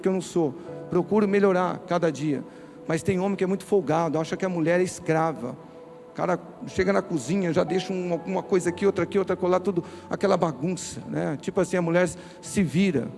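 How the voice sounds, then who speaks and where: Brazilian male pastor, mellow tone, forceful direct preaching to the congregation. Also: sits high, quick pace, vocal fry, faint music behind. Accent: Brazilian Portuguese. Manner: emphatic, direct, addresses listeners. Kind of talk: sermon. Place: church.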